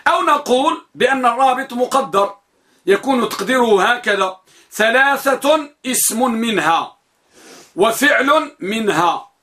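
A man with a very high-pitched, sharp voice teaches an Arabic grammar lesson in class. He works through it step by step, posing questions and then answering them himself.

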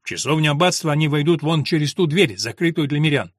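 A man's voice: on the high side, fast, dry recording, studio quality, lightly acted. A man voicing a worldly young courtier who teases his friend knowingly, in an audiobook. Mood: teasing.

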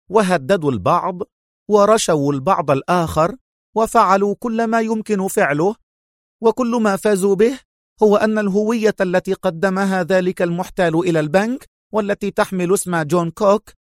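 Guy voicing a cool woman operative in an audiobook, higher voice, calm steady report. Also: dry recording, clean studio sound, natural voice.

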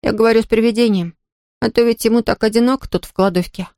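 A woman's voice: fairly high pitch, fairly even intonation, a little mellow, no echo, clean studio sound, natural voice. Woman doing a defensive young boy. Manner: quick, defensive. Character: anxious, stubborn boy under ten.

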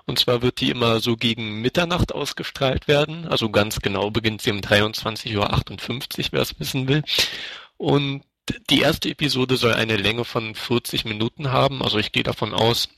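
A man's voice: medium pitch, moderate pace, creaky, sharp tone, no room sound. A man co-hosting a casual fan podcast, easygoing and hedging his views. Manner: easygoing, hedging, many fillers. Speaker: podcast co-host.

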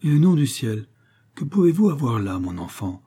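A man's voice: very animated, moderate pace, mellow, breathy edge. Man putting on a haughty, stingy widowed aunt. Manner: haughty and scolding, with sudden rises in pitch. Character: vain, stingy, pompous middle-aged widowed aunt.

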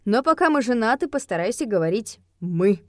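A woman voicing a flirtatious, teasing male werewolf husband who purrs his words low and slow in an audiobook. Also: big pitch swings, no echo, clean studio sound. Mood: calm, insistent.

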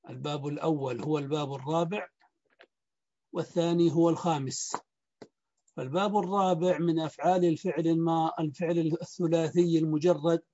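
A man teaching Arabic morphology in a lecture, speaking slowly and deliberately and repeating word patterns. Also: fairly high pitch, mellow, lo-fi sound. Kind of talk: lecture explaining a grammar book.

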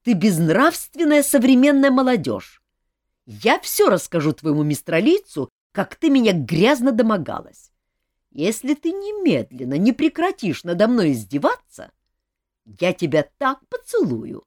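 A blunt, commanding king in an audiobook, grumbling and gruff, played by a woman reading the story. The voice is fairly low, with big rises and falls, and it sounds dry and close. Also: huge pitch swings, normal speed, darkish tone, dry recording, heavily acted. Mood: mock stern. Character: gruff, bossy, amused male king.

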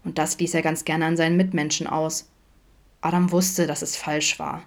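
A woman reading a fan fiction audiobook aloud in a steady storytelling manner. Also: deep voice, moderate pace, creaky. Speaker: audiobook reader.

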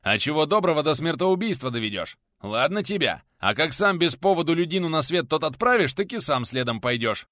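Man doing a gruff loud young warrior. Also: mid-range voice, big pitch swings, moderate pace, no room sound, clean studio sound, pitched above the performer's own voice. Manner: loud barking retorts. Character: brash bearded young male warrior, gruff.

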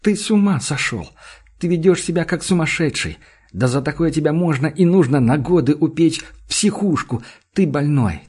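A man voicing a stern male doctor with icy sarcasm who turns to angry shouting, in an audiobook reading. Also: on the high side, moderate pace, lightly acted.

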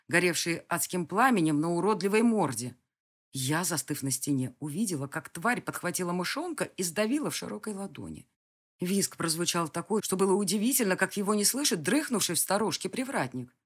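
A narrator giving a lively, expressive first-person reading of a fantasy audiobook. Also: medium pitch.

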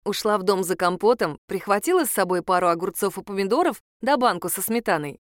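A woman reading a first-person audiobook in a calm, wry storytelling manner, in a dry recording. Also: medium pitch, fast, no room sound. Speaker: audiobook narrator.

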